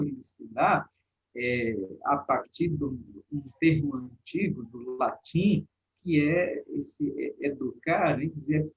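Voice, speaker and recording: A man talking through his ideas in a casual panel discussion, pausing and restarting his sentences often. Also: fairly high pitch, slightly rough, muffled recording. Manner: thinking aloud with many fillers and restarts. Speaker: guest teacher in a panel talk.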